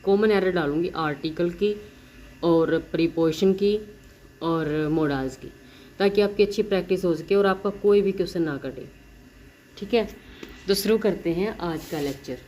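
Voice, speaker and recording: Woman teacher with a mellow voice. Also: lowish voice, a little hiss or hum, low-quality recording. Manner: mixes Hindi explanation with slowly read English questions; frequent self-corrections and "theek hai" check-ins. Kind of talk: exam-prep lecture.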